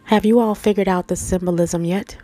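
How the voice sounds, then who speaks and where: Stuffy-nosed from allergies, this channel host reads and informally teaches scripture, chatting with viewers she calls family and guys. Her medium-pitched voice is brisk and dark-toned, with fairly even intonation, while faint music plays behind her.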